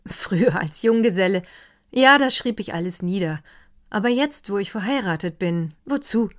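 A woman reading an audiobook, voicing an excitable, effusive middle-aged male doctor. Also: medium pitch, moderate pace, pitched above the performer's own voice, natural voice. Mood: rapturous. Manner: effusive, exclamatory.

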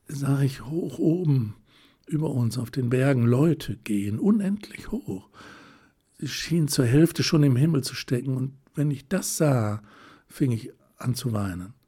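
A man voicing a shy, tender young woman who is quick to tears, speaking softly and often in a whisper with a hesitant, wistful manner. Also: mid-range voice, breathy edge, pitched above the performer's own voice.

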